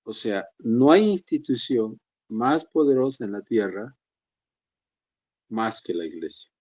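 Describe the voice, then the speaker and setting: A man's voice: animated, takes it slowly, darkish tone. A man teaching a church session, speaking conversationally and addressing the congregation as brothers. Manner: acts out believers' excuses in a higher voice. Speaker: pastor.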